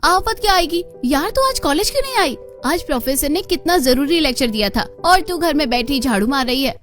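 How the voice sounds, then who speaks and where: A woman voicing a rich, bold young college friend in a cartoon, loud and outspoken. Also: high-pitched, expressive, fairly quick, faint music behind. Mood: calling out. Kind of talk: cartoon voice acting.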